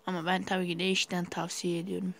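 A man's voice: high-pitched, monotone, fast talker, vocal fry, fairly bright tone, slight background noise. A young man giving casual, rambling gameplay commentary while sleepy, with sudden startled outbursts. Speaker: gaming YouTuber.

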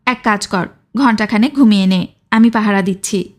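A woman's voice: mid-range voice, normal speed, natural voice. A woman narrator voicing a hardened, vengeful young male freedom fighter who speaks curtly and gives commands. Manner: curt, commanding.

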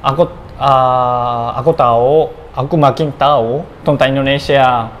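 A young Japanese man speaking with a Japanese accent in a casual interview, pausing often to search for words. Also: medium pitch, steady tone, a little hiss or hum, poor audio. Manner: halting, searching for words, frequent fillers. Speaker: guest.

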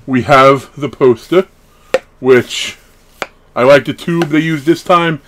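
A man in his thirties unboxes horror collectibles for his hobby vlog, speaking slowly and casually while wandering off into self-interrupting asides. His voice is medium-pitched, recorded in a small wood-panelled room at home with a little hiss or hum.

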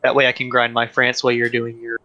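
A man's voice: mid-range voice, fast, highs cut off. A man playing a tank game with a friend on stream, talking in a hesitant, casual way with many fillers. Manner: hesitant, lots of ums and restarts, flat delivery. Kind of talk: casual gaming chat.

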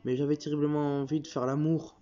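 A man's voice: a little high, flat delivery, fast, dark tone, natural voice. A man voicing a sheepish, dim-witted middle-aged father who whines and pleads, on a dull lo-fi recording. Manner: pleading, whiny.

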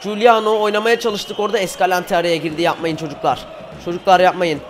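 A teenage boy from Turkey giving excited football game commentary, cheering on his players and shouting at missed chances. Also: sits high, fast talker, some chatter behind, slight background noise. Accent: Turkish. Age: teens. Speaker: gaming YouTuber.

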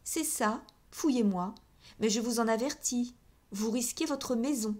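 A woman's voice: a little high, a little slow, a little mellow, pitched above the performer's own voice, natural voice. A woman reading an audiobook, voicing a proud aristocratic countess who speaks in a raised, indignant voice. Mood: indignant outrage.

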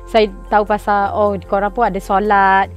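A young woman answers interview questions outdoors in a garden, speaking into a clip-on mic. Her pitch sits in an ordinary middle range, and she talks in a relaxed, chatty way. She often pauses on "uh" and mixes in English words. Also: soft background music. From Kuala Terengganu, Malaysia. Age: young adult. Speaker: interviewee, university student.

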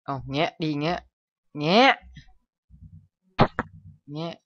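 A man's voice: fairly high pitch, big pitch swings, extremely slow, fairly bright tone, no room sound. A man playing a horror game, talking casually, swearing and yelping when startled. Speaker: gamer. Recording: dull lo-fi mic with game music. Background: game music.

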